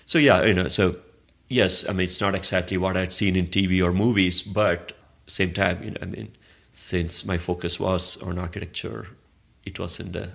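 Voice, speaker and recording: A low-pitched, steady male voice with vocal fry and a slight brightness moves at a moderate pace with few pauses. It belongs to a Malayalam-speaking interview guest from southern India who organizes arts events. He answers reflectively and meanders, often restarting his sentences.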